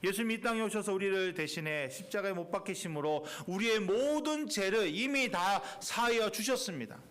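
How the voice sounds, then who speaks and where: A male pastor preaching a sermon in a church, impassioned, climbing to emphatic peaks and then dropping quiet. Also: high-pitched, animated, fairly quick. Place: church sanctuary.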